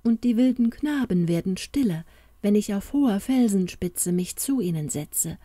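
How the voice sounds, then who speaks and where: Woman reading a gentle fairy queen mother. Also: mid-range voice, expressive, normal speed, no echo, clean studio sound, pitched above the performer's own voice, close to an everyday voice. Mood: soothing. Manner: soothing, motherly.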